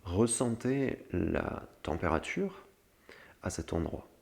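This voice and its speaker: A man with a gravelly, creaky voice giving step-by-step instruction as a guide for a breathing meditation. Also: low-pitched, animated, slow pace, darkish tone.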